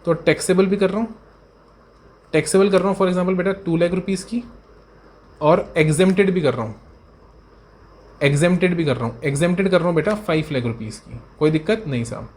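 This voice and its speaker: A man tutoring accountancy students in a brisk revision lecture. He repeats key points and answers his own questions in a student's voice. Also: high-pitched, a little mellow. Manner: fond, coaxing tone toward students.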